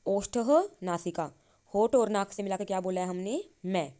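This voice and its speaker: A woman's voice: medium pitch, animated, warm tone. A woman teaching a grammar lesson, asking questions and answering them herself, drawing out each syllable as she reads it. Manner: slow, drawn-out reading of syllables. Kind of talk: Sanskrit grammar lesson explained in Hindi.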